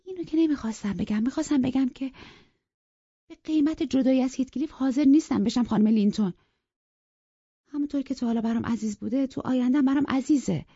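A woman voices a passionate, headstrong young woman in love, speaking in an impassioned, pleading and defiant way. Her voice sits high and is pushed up, with a dark tone and breathy edge, captured in a dry, dull lo-fi recording.

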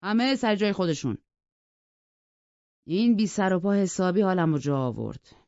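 A reader voicing a bullying, hot-tempered young man who taunts loudly, in a storybook reading. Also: medium pitch, lively intonation, no echo, pitched above the performer's own voice, lightly acted. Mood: gruff, gloating. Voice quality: loud, taunting. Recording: dull lo-fi dry recording.

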